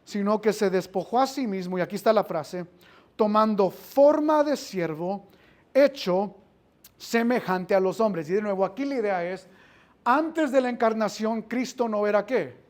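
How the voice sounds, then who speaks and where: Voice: mid-range voice, animated, unhurried, darkish tone. A Bible teacher giving an interactive class, quizzing the listeners, repeating phrases and dropping in English filler words.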